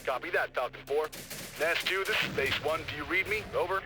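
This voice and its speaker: A man's voice: fairly high pitch, a little fast, loud music behind the voice. An actor playing a male base radio operator giving orders over a military radio in clipped procedure. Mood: commanding.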